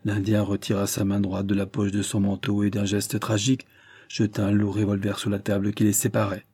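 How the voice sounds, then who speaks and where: A man narrating a literary story in a steady, even storytelling manner, on a close microphone. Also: on the low side, a little fast, slightly rough, dry recording. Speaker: audiobook narrator.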